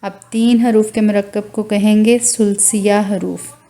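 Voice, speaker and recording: A woman teaching Quran recitation, drawing out each letter name slowly and patiently explaining with a Pakistani Urdu accent. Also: mid-range voice, level tone, warm tone. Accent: Urdu-speaking, Pakistani. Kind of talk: slow recitation lesson, drawn-out letter names.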